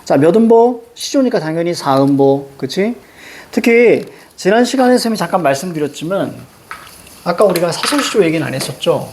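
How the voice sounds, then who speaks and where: Lively teacher quizzing students. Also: mid-range voice, moderate pace, a little hiss or hum. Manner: keeps checking in with short questions to students; recites poem lines in a sing-song lilt. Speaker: Korean literature teacher. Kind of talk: classroom lecture.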